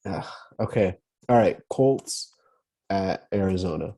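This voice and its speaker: A man's voice: deep voice, animated, measured pace, mellow. A young man co-hosting a casual podcast, teasing his friend and laughing often. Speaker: podcast co-host. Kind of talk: casual chat.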